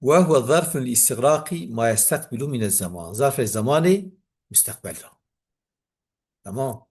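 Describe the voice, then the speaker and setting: A man's voice: mid-range voice, animated, moderate pace, darkish tone, slightly rough. A man with a Kurdish accent teaching a classical grammar text, reading it aloud and then explaining it.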